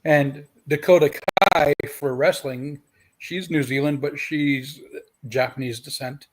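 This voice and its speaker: A man's voice: fairly high pitch, fairly even intonation, unhurried. A man co-hosting a podcast, casually chatting and correcting the other speaker's facts. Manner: contradicting, fact-checking. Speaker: podcast co-host. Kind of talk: casual chat.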